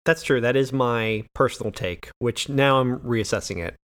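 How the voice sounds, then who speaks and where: A man's voice: medium pitch, fairly bright tone. A man co-hosting a casual conversation, joking and poking fun at himself. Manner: quick, jokey, self-mocking. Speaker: podcast co-host.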